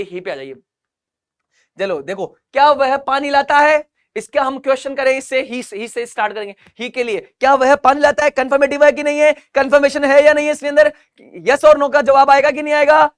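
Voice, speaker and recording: A male English teacher giving an online grammar lesson. He repeats example sentences slowly and coaxes his students with questions while mixing Hindi and English. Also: very high-pitched. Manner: switches between Hindi and English, coaxing questions.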